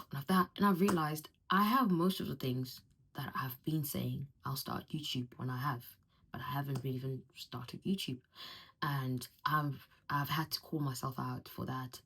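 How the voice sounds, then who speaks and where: A young woman talks through a casual vlog introduction, rambling and full of fillers. Her voice sits very low for a woman and has a husky, slightly breathy edge. She sounds relaxed and unpolished, like she is talking straight to her viewers. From Zimbabwe, raised in South Africa. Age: 20s. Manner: chatty, rambling, laughs often, lots of fillers. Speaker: vlogger.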